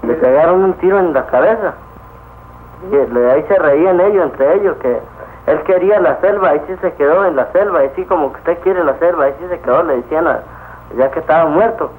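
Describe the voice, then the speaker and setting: Male witness, halting indignant testimony, tinny lo-fi film recording. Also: on the high side. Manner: halting, repeats words, indignant. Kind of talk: spoken testimony. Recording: tinny lo-fi old film sound with faint hiss.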